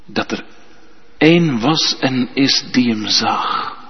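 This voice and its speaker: A man preaching a sermon as pastor, slow and emphatic, often ending points with a tag question. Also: mid-range voice, breathy edge. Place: church. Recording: dull sound with long church reverb.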